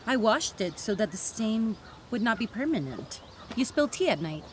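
A woman's voice: a little high, sing-song, moderate pace, slight background noise. A cooing, scheming woman. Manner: cooing, falsely sweet. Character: sweet-talking scheming woman who nurses Paul. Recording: with music behind.

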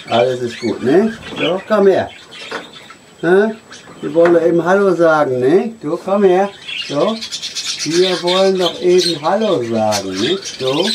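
Low, slow woman, soothing pet birds, noisy take with chirping behind. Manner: cooing, soothing, repeats short questions. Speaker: bird keeper. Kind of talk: coaxing talk to pet budgies. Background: chirping and squawking budgies.

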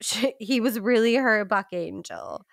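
A woman's voice: fairly high pitch, expressive, a little slow, gravelly, a loud crowd. A woman co-hosting a comedic history podcast, reading from her notes with giggly asides.

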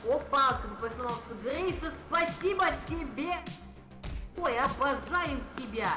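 A man's voice: extremely high pitch, expressive, a little slow, over music. A man improvising casual role-play as a co-player in an amateur game skit.

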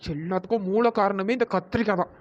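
A woman's voice: mid-range voice, a little mellow, dry recording, muffled recording, close to an everyday voice. A woman as a gossiping village busybody. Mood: gossipy. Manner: chatty, scolding, fast-talking. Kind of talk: cartoon storytelling voice acting.

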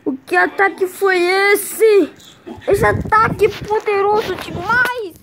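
A speaker playing out a toy dragon story, shouting battle cries and drawn-out attack names. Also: very high-pitched, background noise. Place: small bedroom, indoors. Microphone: handheld phone close by.

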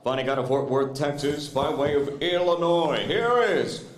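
A man's voice: a little high, crowd noise. A man working as a boxing ring announcer, stretching out the fighters' names. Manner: drawn-out shouted fighter names. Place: convention center arena. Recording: echoey arena sound.

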